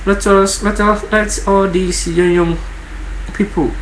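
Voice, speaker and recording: A man's voice: high-pitched, level tone, takes it slowly. A man with a Nigerian accent speaking earnestly and informally to viewers, often repeating words and phrases for emphasis. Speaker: online channel host. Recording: echoey room with faint background noise.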